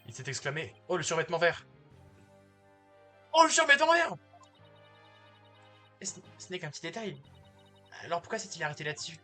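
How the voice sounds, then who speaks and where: A man's voice: a little high, fast talker, sharp tone, faint music behind. A man reading aloud as a young male rookie defense attorney in a video game. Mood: earnest.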